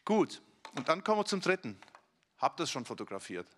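A man preaching a sermon to a congregation, talking to his listeners directly in a lively, conversational way. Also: a little high, fairly quick.

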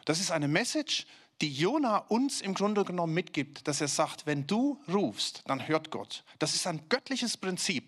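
Delivering a sermon, a man preaches loosely and chattily in a somewhat high, fairly bright voice. He aims questions straight at his listeners and drops low and slow to drive a point home.

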